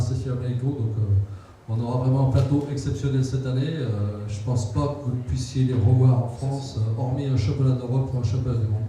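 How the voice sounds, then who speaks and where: A man's voice: mid-range voice, warm tone, slight background noise. A man speaking as tournament organizer, sincere and hesitant with many fillers. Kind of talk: event speech. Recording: echoey hall from far off.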